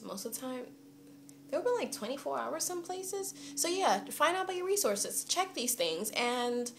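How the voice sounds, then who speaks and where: A young American woman talks straight to her camera in a casual rant, emphatic and chatty, leaning on "like" and "okay?" as she goes. Her voice sits at an ordinary middle pitch. A faint hum runs underneath. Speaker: vlogger.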